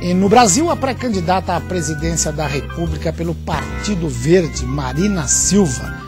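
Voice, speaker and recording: A man's voice: on the high side, expressive, moderate pace. A man giving wry, ironic political commentary on TV. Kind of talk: TV opinion commentary. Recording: music bed under studio voice.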